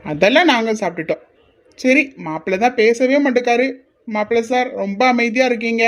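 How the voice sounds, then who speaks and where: A brisk, ribbing young man, played by a woman keeps teasing the family around him. The voice sits a little high for the part, and the lines are delivered quickly and plainly. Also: close to an everyday voice. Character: teasing young man, the bride's brother or friend. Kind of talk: amateur audio drama acting.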